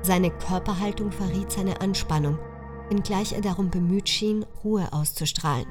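A woman narrates a short story in a measured, expressive voice. Her pitch sits in an ordinary middle range. Background music plays steadily under the reading. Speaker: audiobook reader. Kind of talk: scripted narration.

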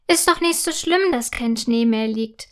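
A woman reading a children's story voices Stella, a cheerful young girl, in a high girlish tone. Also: lively intonation, measured pace, smooth. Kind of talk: storybook character voice.

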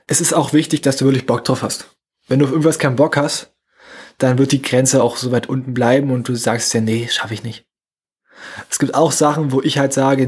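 A young man hosting a motivational solo podcast, talking fast and casually with slightly unclear, run-together speech. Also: mid-range voice, darkish tone, husky. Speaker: podcast host.

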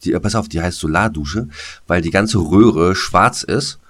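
A man with a deep, low-set voice chats on a podcast in a teasing, playful way. He stumbles, restarts and fills with "äh" often. He is recorded at home over a remote call. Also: unhurried, a bit bright. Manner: joking and playful, with many restarts and fillers. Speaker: podcast co-host. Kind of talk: casual podcast chat.

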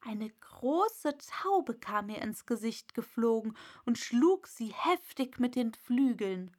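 A woman narrating a storybook aloud in an unhurried, expressive reading. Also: a little high. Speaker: audiobook narrator.

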